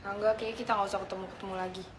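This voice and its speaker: A woman's voice: mid-range voice, flat delivery, rapid-fire, background noise, lightly acted. A woman playing a sulky, stubborn teen girl. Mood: cold. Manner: sulky, pleading and curt.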